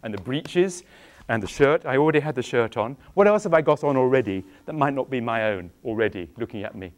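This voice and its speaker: Lively English actor quizzing children. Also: male voice, medium pitch, a little fast. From England. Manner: animated, questioning, playful with the audience. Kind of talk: interactive children's show. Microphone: clip-on microphone.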